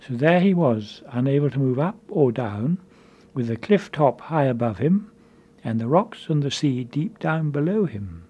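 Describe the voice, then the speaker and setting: A man giving a measured, earnest spiritual conference talk as a preacher. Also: medium pitch, animated, husky, highs cut off.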